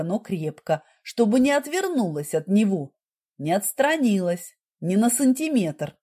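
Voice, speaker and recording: A woman narrating an audiobook romance in a slow, measured reading. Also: mid-range voice, mellow. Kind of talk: scripted narration.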